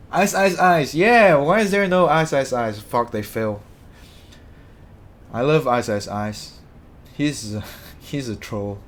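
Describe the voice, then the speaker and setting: Taking his time, with long pauses, this young man from Malaysia speaks in a mid-range voice to his live-stream viewers. He answers their chat loosely, rambling and correcting himself.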